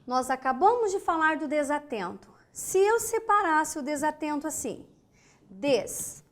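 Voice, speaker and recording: Her voice is high-pitched, sing-song and a bit bright as this Brazilian woman leads an online grammar lesson. In a Brazilian Portuguese accent, she goes slowly and emphatically, spelling out syllables and asking her students rhetorical questions.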